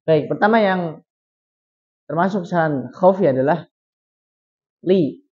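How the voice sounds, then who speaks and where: A man with a Javanese Indonesian accent teaching Quran recitation, slowly demonstrating each syllable by repeating it. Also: on the high side, a little mellow, breathy edge, dull audio. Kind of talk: tajwid class instruction. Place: community study gathering in a room.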